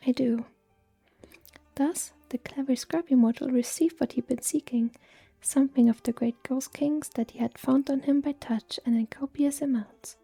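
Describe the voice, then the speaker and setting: Lady whispering a story asmr style, kinda high pitched, soft music behind. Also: husky. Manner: slow, hushed and even. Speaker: reader.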